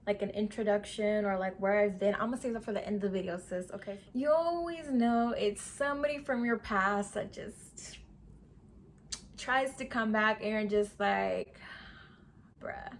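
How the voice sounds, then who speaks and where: A woman's voice: mid-range voice, moderate pace, a little hiss or hum. A woman in her twenties telling a storytime vlog in a chatty, sassy way, full of slang. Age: 20s. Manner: chatty, sassy slang, says sis and okay a lot. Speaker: beauty vlogger. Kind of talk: casual storytime.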